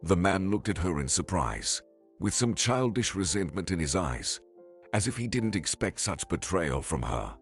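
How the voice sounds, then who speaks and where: A man reading a suspenseful family story aloud in an expressive, scripted narration. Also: deep voice, moderate pace. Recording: faint background music.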